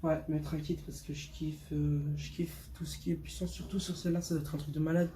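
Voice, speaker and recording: A 15-year-old boy from Portugal shows off a motorbike in an unscripted vlog, chatting casually to viewers in slangy language and repeating words for emphasis. His voice is warm, brisk, and fairly high with little pitch movement, and clear background noise can be heard.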